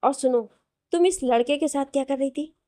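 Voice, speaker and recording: A woman's voice: sits high, moderate pace, dark tone, no echo, clean studio sound, natural voice. A woman voicing a young husband who is jealous and insistent, pleading with his estranged wife.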